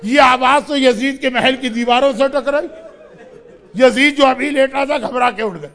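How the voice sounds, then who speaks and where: A man's voice: very high-pitched, a bit bright. A male preacher telling a mournful story in an emotional sermon, with rhythmic, lamenting delivery. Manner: rhythmic, lamenting, dramatic narration.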